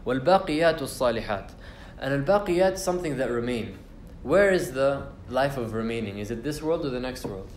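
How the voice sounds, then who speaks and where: Talking very fast with hardly any pauses, a young man uses lively intonation and a medium-pitched voice to give an informal tafsir class. He recites Arabic verses amid casual fillers and restarts. The university lecture room is reverberant, with slight background noise.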